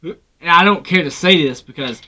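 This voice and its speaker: A man's voice: on the high side, moderate pace, sharp tone. A man co-hosting a reaction video in casual, joking chat, laughing often and talking in slang.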